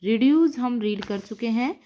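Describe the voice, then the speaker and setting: A woman teaching an online social studies class to young students, switching between English and Hindi and drawing out her words deliberately. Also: a little high, expressive, dark tone. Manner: slow, deliberate, drawn-out words. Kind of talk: online school lesson mixing English and Hindi.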